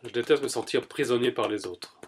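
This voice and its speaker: A man's voice: medium pitch, a little fast, slightly rough. Man voicing repeated emphatic statements. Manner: short, repeated first-person statements; emphatic and exasperated. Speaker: EFT practitioner. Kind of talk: EFT tapping self-demonstration.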